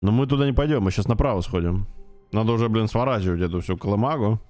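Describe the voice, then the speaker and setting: A man's voice: fairly low pitch, very fast, a little mellow, no room sound, faint music behind. A man streaming a game with casual, offhand, wry live commentary into a close mic.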